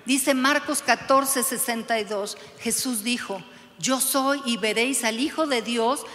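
Fervent high-voiced woman pastor preaching. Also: measured pace, fairly bright tone, in a large hall. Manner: fervent, urging the congregation with direct questions. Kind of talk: sermon.

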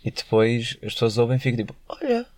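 A man's voice: medium pitch, little pitch movement, fast talker, darkish tone, dry recording. A young man with a European Portuguese accent, hosting a podcast in casual chat, joking, swearing casually and putting on mock voices. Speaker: podcast host.

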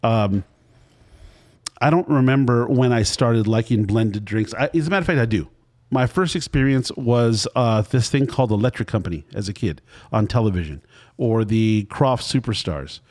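A man in his fifties hosts a casual food podcast, his medium-pitched, darkish voice moving at a normal speed. In this relaxed interview chat he rambles through long, wandering anecdotes.

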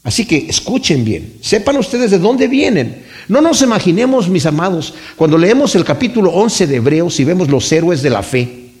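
A man delivers a sermon, his voice sitting somewhat high for a man. He reads scripture aloud and repeats key phrases for emphasis. He keeps checking in with rhetorical questions. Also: big pitch swings, normal speed, a little mellow. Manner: preaching with rhetorical questions and tag "¿verdad?". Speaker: pastor.

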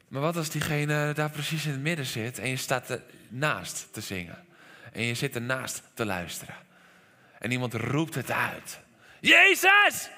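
A Dutch man preaching a sermon as pastor, animated, dropping to quiet lines and sometimes shouting. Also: mid-range voice. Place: church hall. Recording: long reverb of a church hall.

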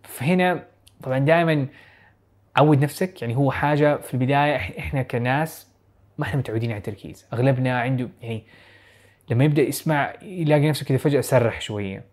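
A young man rattles through a casual video lesson at a rapid clip. His voice sits at a middling pitch, and he stays chatty and animated, with quick asides. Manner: chatty, fast, animated with asides and little laughs. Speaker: IELTS tutor.

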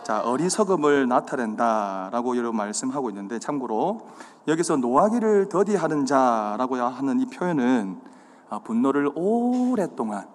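A man preaching a sermon, quizzing his congregation with questions and acting out the signs of anger. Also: mid-range voice. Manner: animated, acts out anger. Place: church sanctuary. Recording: hall reverb.

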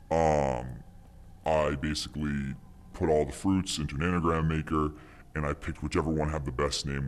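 An anonymous man interviewed with his voice electronically distorted to sound very deep, giving smug, conspiratorial advice. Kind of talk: mock interview.

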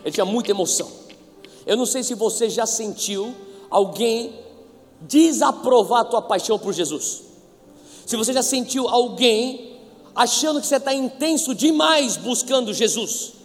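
A man's voice: very high-pitched, lively intonation, moderate pace, long reverb tail, soft background music. A Brazilian man preaching a passionate sermon as a pastor, calling on listeners to repeat his words. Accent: Brazilian Portuguese.

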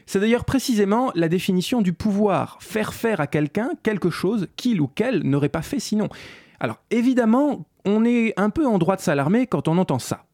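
A man's voice: high voice, animated, moderate pace, darkish tone, no room sound, studio quality. A man hosting a sarcastic commentary video essay, speaking ironically and addressing the listener directly. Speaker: host.

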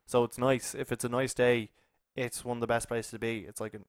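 A young man chatting casually on a podcast, spinning a rambling story about a night out. His voice sits at an ordinary pitch, and the recording is dry and close, with no room sound. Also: fairly quick, clear, resonant tone, no room sound. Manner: rambling, animated storytelling with restarts. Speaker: podcast co-host. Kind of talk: casual chat.

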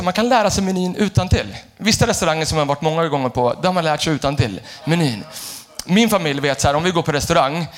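A male pastor preaching an animated sermon, jumping from shouted lines to quiet asides. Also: high-pitched. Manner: animated, shifts between shouting and hushed asides. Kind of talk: energetic sermon.

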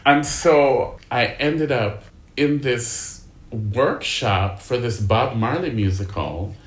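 A middle-aged man, an actor, telling a story from his career in casual talk, with lots of filler likes and lively voices when he acts out what others said. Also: mid-range voice, slow pace. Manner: chatty, many filler likes; animated when acting out quoted people. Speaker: actor guest. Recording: roomy echo.

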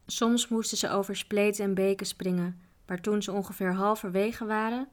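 Woman, storybook reading, steady narration, very level pitch. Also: normal speed. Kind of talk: reading a children's book aloud.

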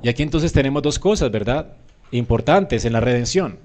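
A man's voice: lively intonation, brisk, a little mellow. A man preaching a sermon in an emphatic way, often checking with his listeners and acting out quoted voices. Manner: emphatic, often asks "¿verdad?"; acts out quoted voices with rising pitch.

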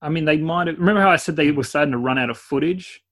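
A man's voice: fairly high pitch, very fast, fairly bright tone. A man co-hosting a casual film review chat, laughing often and swearing lightly. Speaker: podcast co-host.

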